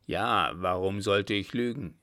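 A man doing a naive, proud coachman. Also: lowish voice. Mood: earnest. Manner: loud, earnest, slow emphatic answers. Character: naive proud male coachman, simple and blunt.

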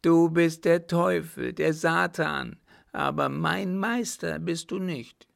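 Voicing a wailing, half-mad young baron, a male narrator delivers high, strained, shrill bursts of anguish in a heavily acted performance. The voice has a gravelly edge and drags slowly through the raving.

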